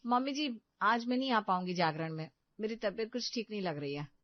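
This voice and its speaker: A woman doing a pushy sharp-tongued sister-in-law. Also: medium pitch, fairly quick, dry recording, close to an everyday voice. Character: middle-aged elder sister-in-law, nosy, quick-tempered. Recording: dull lo-fi dry recording.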